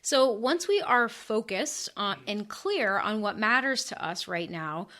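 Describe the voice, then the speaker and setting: A woman's voice: mid-range voice, animated, unhurried, sharp tone. Casual woman co-host, earnest and encouraging, chatty with lots of fillers. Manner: earnest, encouraging, frequent "like" and "yeah". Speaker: podcast co-host. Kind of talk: casual chat.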